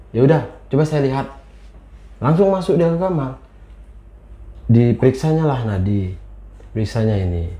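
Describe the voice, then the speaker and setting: Man telling a ghost story, mellow. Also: medium pitch. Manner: acts out quoted speech, many short phrases. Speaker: storyteller guest. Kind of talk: casual spoken horror storytelling. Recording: roomy, dull lo-fi sound.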